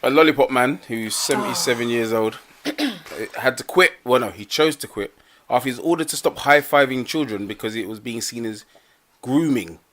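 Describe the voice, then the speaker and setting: A man's voice: mid-range voice, fairly quick, fairly bright tone. A man, co-hosting a podcast and steadily explaining his views. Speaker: podcast co-host. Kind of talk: casual discussion.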